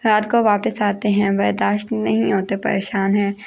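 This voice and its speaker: A cold, sarcastic sister-in-law from a spoken storybook, as a woman narrator reads her. The delivery is gravelly and monotone, and the recording sounds dull. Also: mid-range voice.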